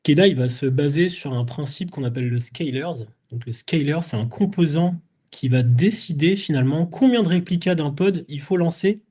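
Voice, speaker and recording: A man's voice: on the high side, dark tone. A man from France giving a technical conference talk, explaining step by step with frequent fillers and restarts. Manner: explanatory, many fillers and restarts, plays out imagined inner voices. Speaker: conference speaker.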